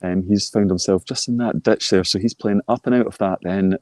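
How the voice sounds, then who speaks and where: A man giving informal live golf commentary, explaining shots in a measured way and reacting briefly as they play out. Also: sits low, steady tone, a little mellow, dry recording.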